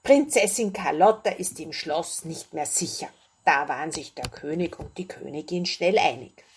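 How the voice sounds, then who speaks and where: A woman gently and expressively reading a children's fairy tale aloud. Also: deep voice, lively intonation, moderate pace, slightly rough. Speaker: storyteller. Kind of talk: bedtime story reading.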